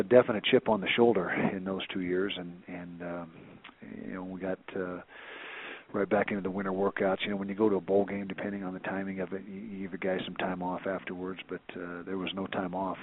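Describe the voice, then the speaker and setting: Husky deep-voiced coach on a phone line. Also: male voice, level tone, fairly quick. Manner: rambling, many restarts and fillers. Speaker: college football head coach. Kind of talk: press teleconference answers.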